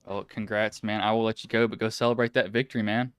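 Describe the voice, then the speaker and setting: A man hosting a sim racing livestream in a casual, quick delivery. His voice sits on the low side and sounds clean and smooth, and the recording is dry and close. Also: level tone, a bit bright, no room sound. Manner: casual, quick, reads results in a list. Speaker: race broadcast host. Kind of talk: livestream race coverage.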